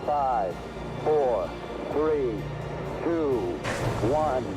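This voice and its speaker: A man's voice: mid-range voice, very slow, loud music behind the voice. A man calling a rocket launch countdown as launch control announcer, heard as an archival mission radio transmission. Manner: clipped, rising countdown calls.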